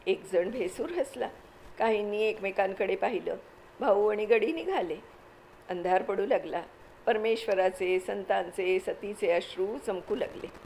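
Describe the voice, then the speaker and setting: A woman reading a classic novel aloud with measured, expressive storytelling. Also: mid-range voice, slight background noise, poor audio. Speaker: narrator.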